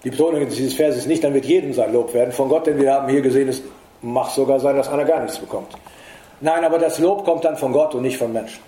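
A middle-aged man preaching a sermon in earnest, emphatic tones, rising in pitch to stress his points. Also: fast, mellow. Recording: echoey room.

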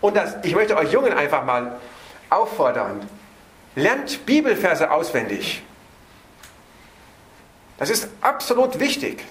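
A man preaching an evening sermon on a Bible passage. He stresses words by slowing down and hurries through his asides. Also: a little high, big pitch swings, a bit bright, roomy sound.

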